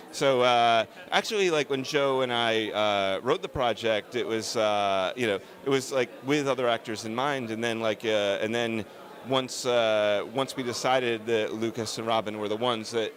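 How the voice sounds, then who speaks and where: A man's voice: mid-range voice, moderate pace, fairly bright tone. A man, a film director, answering interview questions on a red carpet in an earnest, emphatic, discursive way.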